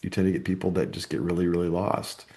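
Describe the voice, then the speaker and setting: Male podcast co-host, low voice, casual explainer who acts out anecdotes. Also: little pitch movement, fast, a little mellow. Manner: storytelling, lots of "right?" and "kinda", acts out coworkers.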